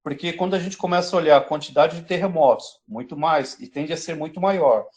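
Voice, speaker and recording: A man speaks up in a church class discussion and works through his thoughts aloud, pausing as he reflects. His voice sits slightly high for a man. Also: darkish tone. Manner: reflective, thinking aloud with pauses. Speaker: class participant.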